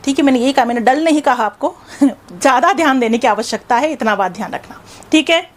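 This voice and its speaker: A high-pitched, animated woman teaches a psychology lesson, posing questions to her students and answering them herself. She then repeats a definition at an ever slower pace, leaning hard on the key words.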